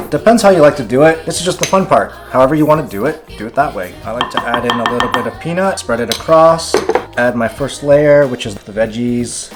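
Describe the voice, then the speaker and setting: A man giving a casual cooking tutorial in his home kitchen, talking in a relaxed, chatty and self-deprecating way. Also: mid-range voice. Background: background music.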